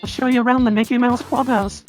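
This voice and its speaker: Woman doing Mickey Mouse, a chirpy high cartoon mouse. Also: fairly even intonation, quick pace, a little mellow, faint music behind. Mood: friendly, chipper. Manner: chirpy, exclamatory, giggly. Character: cheerful high-voiced male cartoon mouse, friendly and chipper. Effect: AI voice changer. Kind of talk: cartoon character greeting.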